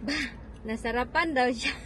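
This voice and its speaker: A mother vlogging casually, chatting in a relaxed, easygoing way. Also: sits high, normal speed, noisy background. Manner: relaxed, chatty, code-switching. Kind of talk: casual family vlog chat.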